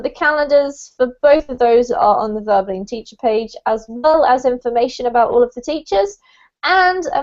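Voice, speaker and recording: Over dull, lo-fi video call audio, a female English teacher runs an online lesson in a friendly, talkative manner. She fills gaps with frequent ums and laughs often, her voice slightly high and a little mellow.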